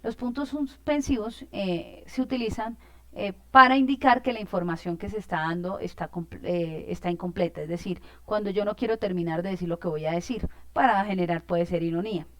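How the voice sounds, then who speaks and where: A woman's voice: medium pitch, fairly quick, a bit bright, no room sound. A woman teacher, explaining a lesson in an informal way, with many fillers and check-in questions.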